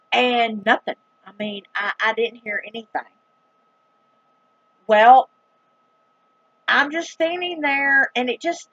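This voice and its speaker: Her voice is on the high side and a bit bright, recorded dry with lo-fi sound. She's a middle-aged vlogger from the rural United States whose Southern accent carries a story told to viewers casually, dramatically, emphatically and in a plain-spoken folksy way.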